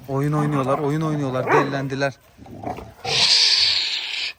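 A man, a father and dog owner, chatting casually to viewers in a yard while giving sharp commands to his dogs. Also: mid-range voice, flat delivery, unhurried, heavy background noise. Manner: sharp commands to dogs, shooing them back. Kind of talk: casual vlog talk to viewers.

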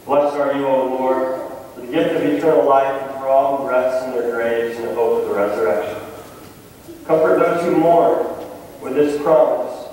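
A male pastor leads the prayers in a measured, intoning cadence. His voice rings through a cathedral-like echo with a long reverb tail. It is picked up from far across the sanctuary, with a faint hiss of room noise behind it. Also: medium pitch, a little mellow. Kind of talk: leading liturgical prayers. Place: large church sanctuary.

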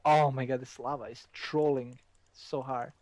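A man's voice: medium pitch, fairly even intonation, measured pace, darkish tone, no room sound. A man chatting casually while playing a video game with a friend, teasing and laughing often. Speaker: gaming video co-host. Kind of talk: casual gameplay chat.

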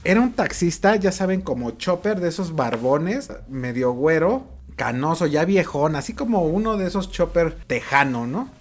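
Animated Mexican man telling a story. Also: fairly high pitch, normal speed. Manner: animated storyteller, laughs often. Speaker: vlogger. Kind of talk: storytime vlog.

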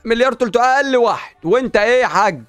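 A gaming YouTuber with an Egyptian Arabic accent races through pack openings in a video game, exclaiming and talking back to it. His voice is very high with a clean tone, the recording is dry, and faint music plays behind.

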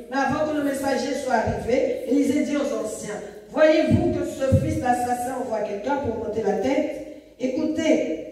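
High-voiced woman reading scripture, echoey hall. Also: mellow. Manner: measured, declamatory reading. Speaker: scripture reader and interpreter. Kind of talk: reading scripture aloud in church. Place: large church hall. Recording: echoey hall, distant mic.

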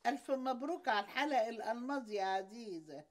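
A woman's voice: fairly high pitch, expressive, quick pace, close to an everyday voice. An older woman with an Egyptian accent playing a suspicious, demanding mother-in-law who keeps asking questions in a TV drama. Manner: prying, complaining, insistent questions. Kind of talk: TV series acting.

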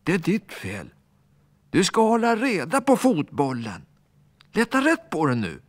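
A man voicing an angry young boy who accuses and shouts at a smaller child in a children's story. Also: medium pitch, huge pitch swings, slightly rough, no echo, clean studio sound, pitched above the performer's own voice, full character voice. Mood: scolding.

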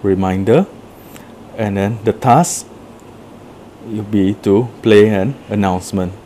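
Man, product demo, low voice, mellow tone, step-by-step explaining, office room. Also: takes it slowly, a little hiss or hum. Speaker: product demonstrator. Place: indoor office room with a table.

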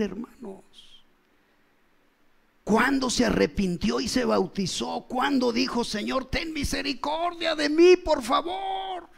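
A man with a Mexican accent preaching a sermon in a church, impassioned and calling out to his listeners, swinging between loud and hushed. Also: extremely high pitch, gravelly.

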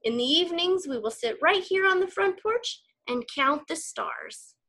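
A lively, cheerful male frog from a children's storybook, put on by a woman reading aloud, calling out high and loud. His voice is bright and leaps up and down in pitch, and he speaks slowly and clearly. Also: heavily acted. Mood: coaxing. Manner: calls out loudly and high. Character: eager cheerful male frog, excited friend.

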